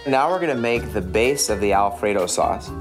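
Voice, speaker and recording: Speaking at a normal speed in an animated, lowish voice, a male chef walks his learner through a dish one step at a time, addressing them directly. Background music with guitar runs beneath the instruction.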